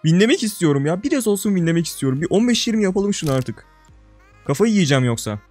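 A young man giving casual gameplay commentary as a video creator. He talks to viewers like a buddy in slang and swings from loud outbursts to low mutters. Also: sing-song, fast, soft background music.

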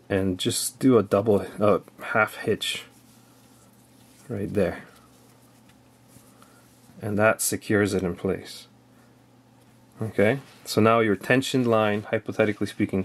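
Man, lowish voice, casual instructor talking through steps off camera. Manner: plain, step-by-step explaining with fillers. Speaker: outdoor skills instructor. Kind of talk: casual how-to demonstration.

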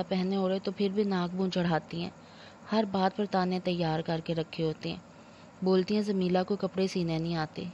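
An aggrieved, theatrical old mother-in-law full of loud laments, as a woman narrator puts her on. The voice sits low and mellow. A dull lo-fi recording with a faint hiss underneath. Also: lightly acted. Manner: wailing complaints, theatrical laments. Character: aging scolding mother-in-law, self-pitying and loud.

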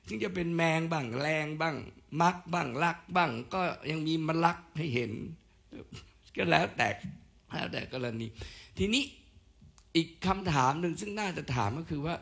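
Older man, gravelly casual lecturer. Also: on the high side, animated, moderate pace, a bit bright. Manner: casual, digressive, joking asides. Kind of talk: special lecture.

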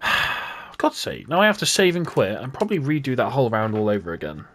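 A young man commentating his own video game play, often frustrated and swearing in loud outbursts. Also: mid-range voice, huge pitch swings, fairly quick. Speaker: gaming YouTuber. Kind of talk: gameplay commentary. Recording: game noise behind voice.

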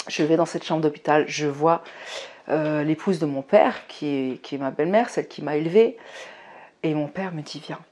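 A young adult woman giving a personal faith testimony, emotional, swinging between hushed and fervent. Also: deep voice, moderate pace.

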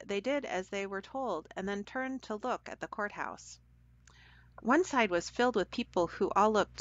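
A woman telling a children's story aloud for a church program in a gentle, caring way. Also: on the low side, no echo. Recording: dull dry lo-fi recording.

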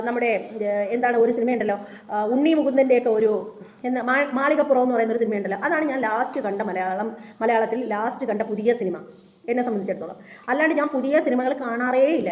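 A woman's voice: fairly high pitch, darkish tone, dull audio. A woman hosting a reaction channel, delivering an indignant, scornful opinion rant with repeated points and many fillers.

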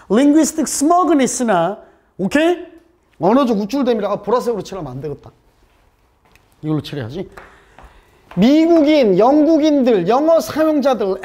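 A man's voice: high-pitched, darkish tone. A man teaching an exam-prep English lesson, firing rhetorical questions at his students, dropping English terms into his explanations and making jokey asides.

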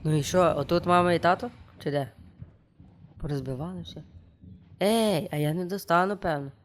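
A man's voice: on the high side, moderate pace, slight background noise. A young man, joking and talking to the game as he plays. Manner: joking, talks to the game and viewers. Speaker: let's play streamer. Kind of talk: playful gameplay commentary.

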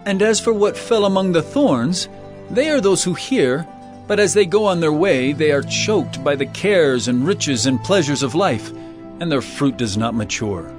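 In an audio Bible drama, a man plays an authoritative teacher in a mood of earnest teaching. His fairly high voice is animated, rising and falling expressively while staying solemn and deliberate. Prominent music plays beneath him.

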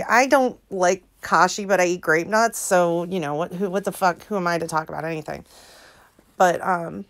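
A woman in her forties vlogging in a casual, rambling way, giggling and mocking herself as she tells a family story. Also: lowish voice. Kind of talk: casual chat, reading out messages.

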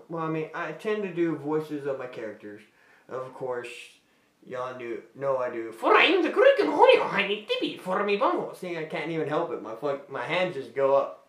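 A man's voice: mid-range voice, far from the mic. A man answering fan questions in a casual, rambling way, often breaking off mid-sentence. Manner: rambling, self-interrupting, friendly. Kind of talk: casual Q&A vlog. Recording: roomy and off-mic.

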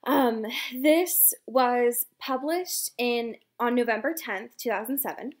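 This young woman, a book podcast co-host, talks slowly in a voice on the high side. Her chapter recap is chatty and casual, full of swearing and laughter.

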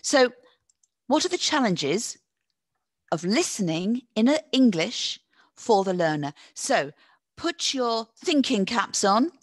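Woman, webinar presenter; encouraging, teacherly, very lively intonation. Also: a little high, no room sound. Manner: encouraging, reads chat answers aloud and praises them; lively teacherly delivery with drawn-out stressed words. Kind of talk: live online teacher-training webinar.

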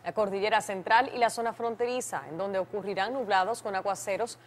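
A woman's voice: mid-range voice, fairly quick, a little hiss or hum. A woman with a Dominican accent reading scripted studio news as anchor.

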